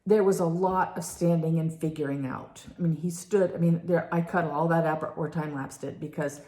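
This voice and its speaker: A woman's voice: deep voice, steady tone, normal speed, warm tone. An older woman chatting casually as a vlog host, emphatic and given to repeating herself. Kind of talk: casual conversational review. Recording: roomy, echoey indoor sound.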